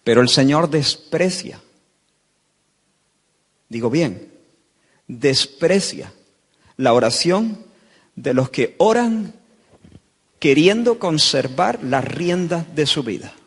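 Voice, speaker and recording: Casting: high-voiced male pastor from Spain, passionate sermon, booming hall reverb. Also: expressive, slow pace, long pauses, slightly rough. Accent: Spain Spanish. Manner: impassioned preaching, swings from quiet to loud.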